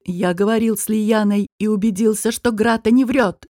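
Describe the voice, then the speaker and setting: A woman's voice: mid-range voice, fairly even intonation, normal speed, mellow, dry recording, clean studio sound, close to an everyday voice. A woman voicing a grim male lord who gives commands. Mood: commanding.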